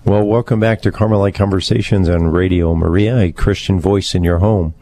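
A man hosting a radio interview in a studio, talking in a measured way with many fillers. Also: sits low, steady tone, warm tone, no room sound. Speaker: radio show host.

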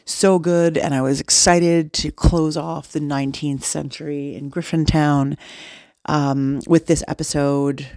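A woman's voice: deep voice, flat delivery, measured pace, dark tone, no echo, clean studio sound. A woman podcast host, recording a casual update on her phone, sounding dejected and rambling with many fillers.

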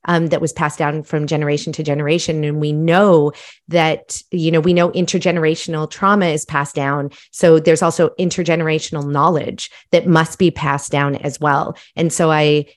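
Guesting on a podcast, a middle-aged Malawian woman recounts her own life casually, with animation and self-reflection. Her voice sits low.

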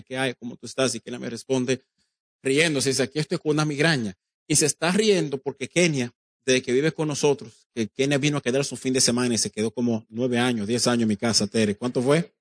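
A man's voice: medium pitch, no room sound. Emphatic preacher man with a dry sound. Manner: emphatic preaching, addresses the congregation directly, acts out quoted dialogue; drops English phrases into Spanish. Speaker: pastor. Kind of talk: sermon.

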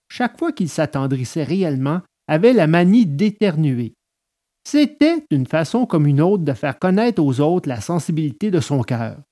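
Man narrator, storybook reading, animated, lively pitch.

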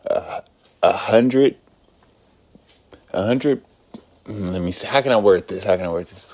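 A man co-hosting a casual podcast, telling stories in an animated, laughing way and swearing freely. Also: on the low side. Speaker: podcast co-host. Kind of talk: casual chat.

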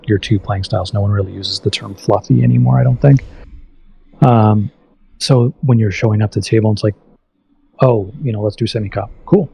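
A man's voice: lowish voice, vocal fry, mellow. A man chatting casually as a podcast guest, conversational and often restarting his thoughts. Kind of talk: casual chat.

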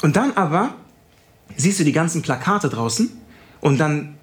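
A young man from Germany, a podcast guest telling stories in a casual, animated way and acting out the people he quotes. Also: fairly high pitch, moderate pace, a little hiss or hum. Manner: animated storyteller, acts out quoted voices. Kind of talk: casual storytelling chat.

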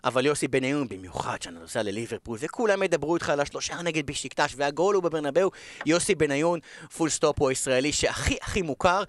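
A man's voice: a little high, dry recording. A man with an Israeli accent talking casually as a football broadcaster being interviewed, emphatic and repeating phrases for stress. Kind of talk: casual podcast conversation.

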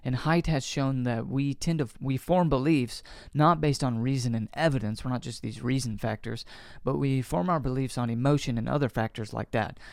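A man of middle pitch talks through an interview clip as the host of a commentary show. He argues his case earnestly and firmly. His voice is recorded close and dry, without any room echo. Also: normal speed, vocal fry, a little mellow. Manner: earnest, argumentative.

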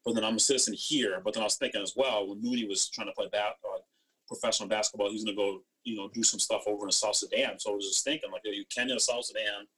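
Over poor audio, a former athlete born in Ethiopia chats as an interview guest, spinning casual stories. The young East African man's voice sits on the low side, steady and fairly bright with a breathy edge, and he talks fast. His speech is slangy and wandering, peppered with "you know what I mean."

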